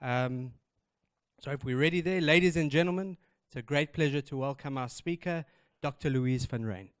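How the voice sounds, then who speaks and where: A man's voice: medium pitch, normal speed, smooth, dry recording. A man introducing the guest speaker at a business breakfast, reading formally with small stumbles. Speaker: event host introducing speaker.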